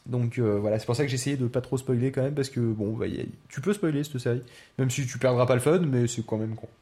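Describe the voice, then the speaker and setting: A man's voice: medium pitch, fast. Hesitant man chatting. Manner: hesitant, many fillers, relaxed. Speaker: podcast co-host. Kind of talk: casual podcast chat.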